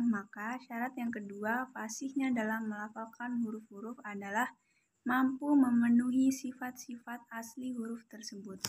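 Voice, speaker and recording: A young woman from Indonesia giving a Quran recitation lesson, explaining each letter slowly and carefully and drawing out the sample syllables. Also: fairly high pitch, a little mellow, low-quality recording. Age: young adult. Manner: slow, careful instruction with drawn-out sample syllables. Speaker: student presenting a lesson.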